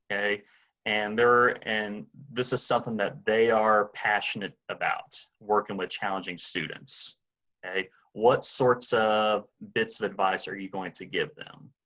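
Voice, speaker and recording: A man's voice: lowish voice, a little slow, sharp tone. A man hosting a podcast interview, affirming his guest and asking long open questions. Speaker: podcast host. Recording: dull lo-fi sound.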